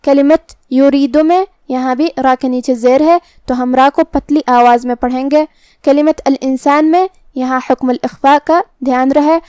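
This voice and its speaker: A woman teaching Quran recitation rules, explaining pronunciation slowly and carefully. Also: high voice, a little mellow, no echo. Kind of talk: tajweed lesson, explaining then reciting.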